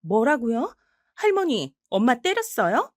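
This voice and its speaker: A woman voicing a defiant young daughter who talks back sharply in a raised, high voice, in a storybook reading. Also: big pitch swings, normal speed, no room sound, studio quality. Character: bold young daughter standing up for her mother.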